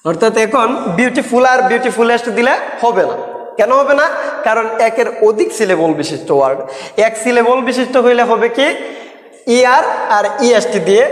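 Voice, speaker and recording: A man teaching English grammar, explaining step by step and answering his own questions. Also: extremely high pitch. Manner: switches between slow English lines and Bengali explanation. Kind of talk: classroom-style grammar lesson. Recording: echoey room with long reverb.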